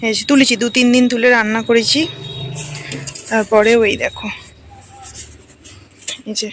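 A young woman from Bengal speaking with a Bengali accent, chatting to viewers in a casual vlog as she walks her rooftop garden and picks flowers, talking a little softly. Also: fairly high pitch, steady tone, unhurried, slight background noise. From Bengal, India. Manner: chatty, walking tour, points things out while picking flowers. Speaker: vlogger, housewife. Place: rooftop garden of a home, outdoors.

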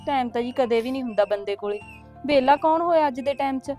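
A young woman with a Punjabi accent acts in a village short film as a newly married wife coaxing and complaining to her husband. Her high voice moves fast, soft and coaxing, fairly close to an everyday voice. Soft background music plays.

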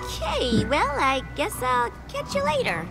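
An earnest young female cartoon pony, caring and easily indignant. The voice is very high and lively in pitch, articulate, with soundtrack music underneath. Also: a little slow, exaggerated voice. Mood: gentle. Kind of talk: animated cartoon acting.

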